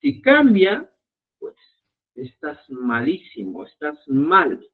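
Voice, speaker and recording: A male language teacher leads a live online lesson and keeps checking in with his students. He speaks slowly, and his voice is a bit high and swoops around with lively pitch. The audio is thin and phone-like. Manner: animated, repeats checks like "¿ya?" to students.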